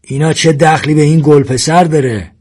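Weary earnest man, a bit loud, husky, as a storyteller puts him on. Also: on the high side, pitched above the performer's own voice.

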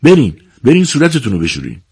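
Stern worried farm mother as a gravelly-voiced man puts her on, raised pitch, urgent orders, storybook reading. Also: very animated, exaggerated voice. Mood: anxious, commanding. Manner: urgent, commanding.

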